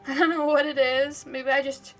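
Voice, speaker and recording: A woman's voice: high voice, flat delivery, a little slow, faint music behind. A woman livestreamer giving chatty, giggly gaming commentary, laughing often.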